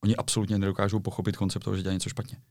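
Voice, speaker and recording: A man chatting casually as a guest, telling stories briskly. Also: low-pitched, flat delivery, darkish tone, no room sound, clean studio sound. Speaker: guest, street video maker. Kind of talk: casual conversation.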